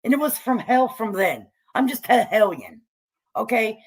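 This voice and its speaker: Very animated and speaking at a normal speed, a middle-aged or older American woman raised among hippies hosts a casual livestream, reading chat and responding with joking commentary. She's salty, slangy, and irreverent, and her slightly low voice has a breathy edge.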